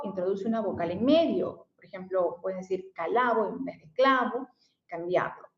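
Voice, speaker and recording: A woman's voice: mid-range voice, darkish tone. A woman giving an explanatory lesson as a special education teacher, often adding fillers and tag questions. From Mexico. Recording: echoey room, dull lo-fi sound.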